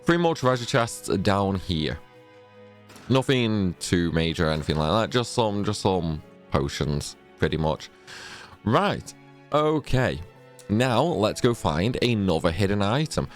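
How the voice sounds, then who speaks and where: A man with a lowish voice that swings up and down a lot, talking casually through a game guide. He rambles and corrects himself as he goes, sneezy and stuffed up, with faint game music underneath. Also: very animated, unhurried. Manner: chatty, rambling, self-correcting. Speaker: gaming guide creator. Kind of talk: casual game walkthrough commentary.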